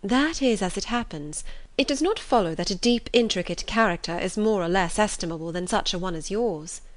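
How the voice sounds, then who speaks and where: A woman voicing a quick-witted, composed young lady in an audiobook, with an arch, articulate manner. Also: medium pitch, animated, lightly acted. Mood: playful. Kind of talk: audiobook character voice.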